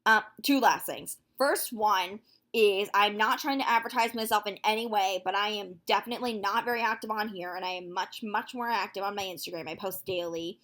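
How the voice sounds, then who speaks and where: Young woman, nineteen, casual vlog chat, excitable, lots of um and like. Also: mid-range voice. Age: young adult, nineteen. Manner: chatty, full of 'like' and 'um' fillers; excitable, quick to gasp and exclaim. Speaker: vlogger.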